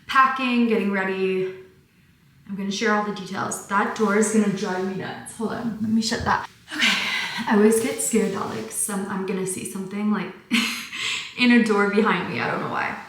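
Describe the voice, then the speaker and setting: A young woman from Michigan talks through her get-ready routine in a loose, rambling way, stringing thoughts together with constant fillers. Her voice sits at a middle pitch and bounces around a very echoey room. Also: steady tone, normal speed, fairly bright tone, a little hiss or hum. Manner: chatty, rambling, heavy use of "like". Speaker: beauty vlogger. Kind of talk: casual get-ready-with-me chat.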